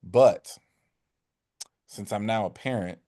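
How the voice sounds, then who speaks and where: A man with a fairly low voice chats playfully as a podcast co-host. He repeats his phrases to drive a point home. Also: slow, mellow. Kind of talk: casual chat.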